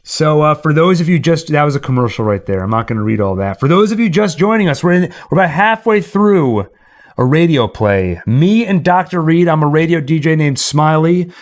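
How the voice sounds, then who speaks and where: With a slightly high, animated voice and a fairly quick delivery, a man entertains his livestream audience through casual chat and dramatic, theatrical storytelling.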